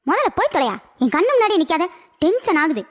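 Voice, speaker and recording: A woman voicing a shrill nagging wife who scolds her husband nonstop, in a cartoon comedy. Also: big pitch swings, quick pace, slight background noise. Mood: scolding. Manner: sharp, scolding, bossy.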